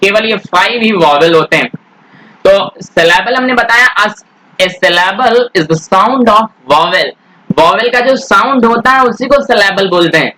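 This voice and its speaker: A man teaching English grammar, speaking Hindi mixed with English words in an Indian accent. He asks questions and then answers them himself, and he draws out the English words slowly. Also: high-pitched, expressive, pushed and bright, rough recording. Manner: addresses students as "beta", asks and answers his own questions. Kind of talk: classroom grammar lesson.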